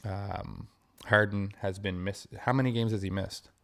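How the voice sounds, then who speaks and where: A man co-hosting a sports podcast, chatting loosely and circling back on his own sentences. His voice sits a little low. He talks in easy, unpolished bursts full of ums and uhs. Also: steady tone, measured pace, a bit bright. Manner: rambling, many fillers and restarts, laughs often. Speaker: podcast co-host. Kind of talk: casual sports chat.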